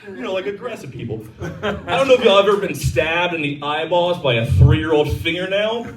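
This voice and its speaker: A brash man in his thirties working a stand-up crowd, with a crude, self-mocking delivery and a fairly high voice for a man. He is heard a little off the mic, and the club room rings around him. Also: animated, a little fast. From Texas. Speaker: stand-up comedian. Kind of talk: stand-up comedy set. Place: comedy club stage. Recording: roomy club sound from a distance.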